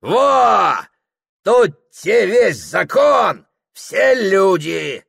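A man voicing a loud, reckless drunken merchant host who shouts and boasts at a feast. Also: on the low side, big pitch swings, drawn-out words, vocal fry, breathy edge, heavily acted. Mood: rowdy drunken.

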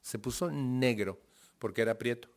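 Mexican man telling a lively story. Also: mid-range voice, normal speed, heavy background noise. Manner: animated storytelling, acting out dialogue, asking the audience questions. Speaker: speaker sharing his recovery story. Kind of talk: testimonial talk to a live group.

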